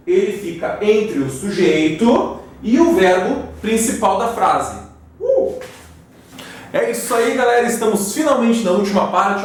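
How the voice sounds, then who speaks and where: Brazilian male English teacher, higher voice, patient and explanatory, echoey distant room sound. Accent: Brazilian Portuguese. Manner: slow, careful English example sentences; frequent "tá?" and "né?" check-ins. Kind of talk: classroom grammar lesson. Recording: very echoey room, voice far from mic.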